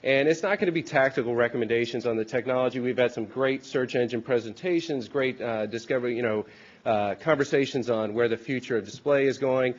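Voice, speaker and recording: A man speaks at mid pitch with a hoarse voice, congested from a sinus infection. He presents to a conference in an informal, explanatory way, using rhetorical questions. The recording is a little dull and muffled. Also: brisk. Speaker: research company president presenting at a hearing. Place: hearing room with an audience.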